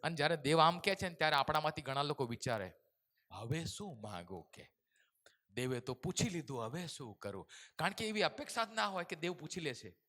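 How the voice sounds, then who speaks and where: A fervent male pastor delivers a sermon in a lively, swinging voice that is very sharp and penetrating. He moves between soft, low phrases and full shouts, sprinkling English words into his preaching. The sound rings with the long reverb of a large hall. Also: quick pace.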